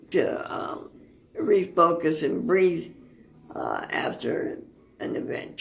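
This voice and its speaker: A woman calmly explaining her service dog's tasks in casual talk, halting often with fillers and restarts. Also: low-pitched, vocal fry, reverberant. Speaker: service dog owner.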